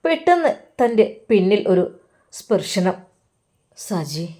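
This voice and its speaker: A woman's voice: on the high side, lively intonation, normal speed, darkish tone. A woman narrating a family story in a dramatic, emotive way.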